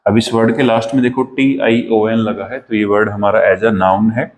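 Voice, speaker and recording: A man teaching English vocabulary in a classroom-lesson style, with an Indian accent, repeating each word slowly for pronunciation drills. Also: lowish voice, little pitch movement, rough recording.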